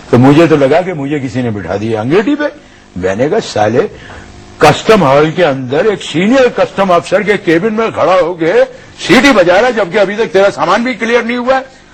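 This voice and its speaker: A swaggering, middle-aged customs officer spins a mocking anecdote. His voice sits a touch high and slightly husky, swinging widely up and down as he acts out both sides of the squabble. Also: poor audio. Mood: boastful mocking. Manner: animated storytelling, acting out both sides of quarrels. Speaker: customs officer character on a talk show. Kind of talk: comic anecdote told in character.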